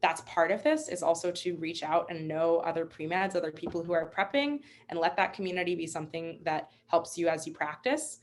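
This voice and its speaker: Young female test-prep instructor, lowish voice, cheerful and encouraging, casual webinar teaching. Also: brisk, hardly any pauses. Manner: upbeat, encouraging, chatty with fillers. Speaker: MCAT instructor. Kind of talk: live online teaching webinar.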